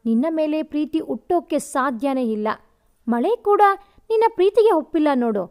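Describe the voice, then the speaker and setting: A man's voice: very high voice, animated, normal speed, mellow. A woman voicing a cruel, boastful young male rival who taunts and mocks in a storybook narration. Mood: mocking. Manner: taunting, mocking.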